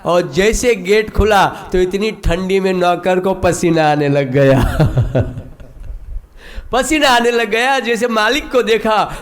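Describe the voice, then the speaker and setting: A man's voice: high voice, measured pace, hardly any pauses. A male preacher giving a sermon that he livens with story-telling and voiced characters. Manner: animated, acts out characters. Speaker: ISKCON preacher.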